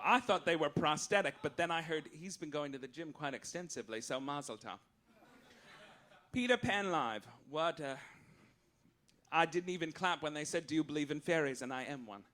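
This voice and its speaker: Hosting a live cabaret show, this man reads satirical, mock-official announcements to the audience with campy, arch theatricality. His voice runs on the high side, bright and forceful, animated and at a moderate pace.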